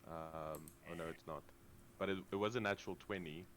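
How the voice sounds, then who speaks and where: A man's voice: deep voice, steady tone, brisk, crowd noise. A man chatting casually as a player in a tabletop game. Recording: echoey room, distant, noisy.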